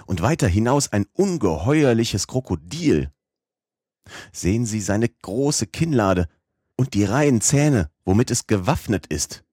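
An excitable, commanding old professor from an audiobook tale, exclaiming urgently, his husky voice pushed higher than the reader's own, as a male narrator puts him on. The recording is dry and close. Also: a little slow, no echo, heavily acted. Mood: excited.

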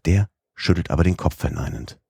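Brief: male audiobook narrator, very low voice, measured and steady literary reading, dry close sound. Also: creaky, husky, no echo. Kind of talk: scripted narration of a novel.

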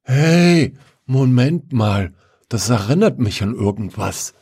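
A man voicing an excitable, cheeky young man in a shrill, raised voice. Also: extremely slow, vocal fry, dry recording, clean studio sound, heavily acted. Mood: stoned.

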